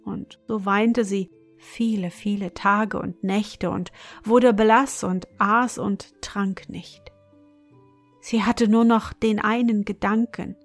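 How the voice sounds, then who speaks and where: A woman reading a fairy tale aloud in a measured, softly dramatic way. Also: medium pitch, fairly even intonation, faint music behind. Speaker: storyteller.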